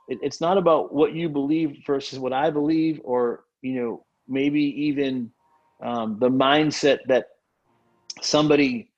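Man from Haiti, podcast guest, earnest, lots of "you know", mid pitch, slightly dull audio. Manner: earnest, many fillers and restarts. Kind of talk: casual faith conversation.

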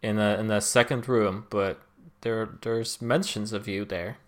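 A man's voice: fairly low pitch, fairly even intonation, a little slow. A man hosting a podcast who introduces a guest in an easygoing, hesitant way. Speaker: podcast host. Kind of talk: casual chat.

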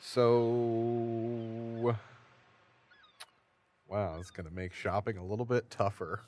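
A man's voice: mid-range voice, level tone, takes it slowly, darkish tone, a little hiss or hum. A man playing a tabletop game, speaking in formal, precise phrases. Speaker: player. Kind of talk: casual role-play at a game table.

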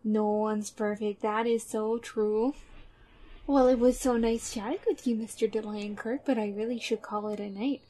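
Woman acting small-town lady, radio comedy, slightly high voice, chirpy, folksy, polite, chatty. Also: fairly even intonation, normal speed, warm tone, close to an everyday voice. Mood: polite, cheerful.

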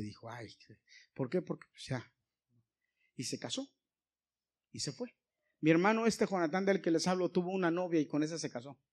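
A man's voice: fairly high pitch, a little mellow. A man from Mexico with a Mexican Spanish accent, preaching a sermon in a church, telling stories and asking his congregation questions. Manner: storytelling, asks the congregation questions.

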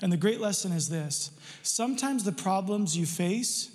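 A man's voice: high voice, lively intonation, moderate pace, a little mellow, in a large hall. A male pastor preaching a sermon emphatically, asking the listeners rhetorical questions.

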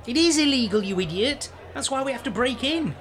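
A man's voice: very high voice, lively intonation, a little fast, a bit bright. A middle-aged man co-hosting a podcast who plays a bossy, sarcastic schemer in a comedy sketch. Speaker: podcast co-host.

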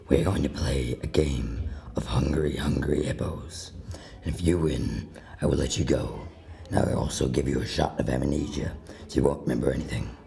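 A performer voicing a menacing hooded male kidnapper, with a pitched-down, deep and whispery voice. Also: gravelly, slight background noise, full character voice. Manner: slow, hushed and menacing.

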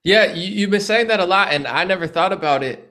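A man hosting a political interview, talking in an animated, emphatic way. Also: high voice, brisk. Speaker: host.

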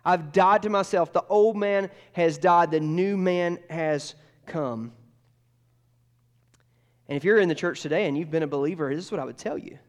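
A male pastor preaching a sermon in an earnest way, repeating phrases and dropping softer as he prays. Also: on the high side, normal speed. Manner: earnest, repeats phrases, drops to soft tones in prayer.

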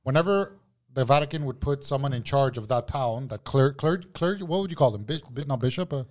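A man's voice: mid-range voice, fairly quick, a little mellow. A man explaining things in casual chat, slangy and often searching for his words.

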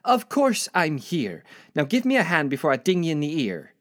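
A man voicing a bossy, tiny Scottish grandmother in her eighties, who scolds briskly in a Scottish accent. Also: low voice, wildly swooping pitch, dry recording, studio quality. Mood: scolding. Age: 80s.

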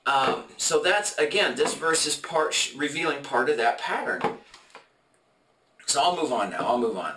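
A man co-hosting a podcast, leading a conversational Bible study in a halting, explanatory way with many fillers and restarts. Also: medium pitch, lively intonation, noisy background. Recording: echoey room, mic at a distance.

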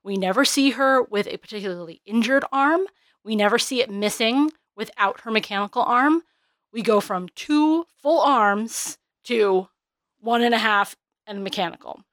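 A woman's voice: on the high side, moderate pace, fairly bright tone, no echo. A woman co-hosting a podcast, chatting about a film trailer in an enthusiastic, talkative way. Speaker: podcast co-host. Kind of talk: casual podcast chat.

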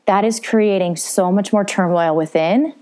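A woman coaching in a gentle, reflective self-help talk, slowing down to stress key points. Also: medium pitch.

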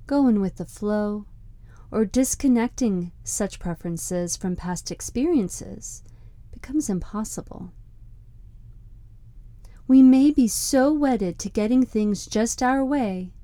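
Mellow woman guiding a scripted reflection. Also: medium pitch, no echo. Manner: measured, deliberate, contemplative. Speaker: podcast host and meditation guide.

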